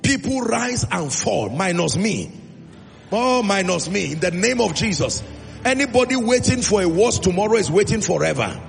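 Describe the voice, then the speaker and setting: A man's voice: high voice, sing-song, creaky. A Nigerian man preaching a sermon, emphatic, calling out to the congregation and drawing out key phrases. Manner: emphatic, call-and-response, drawn-out phrases. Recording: reverberant hall with music.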